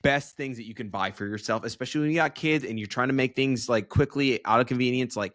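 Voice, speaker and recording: A man co-hosting a casual podcast, energetic, slangy and teasing, talking into a podcast microphone. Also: medium pitch, fast talker, no echo, studio quality. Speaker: podcast co-host.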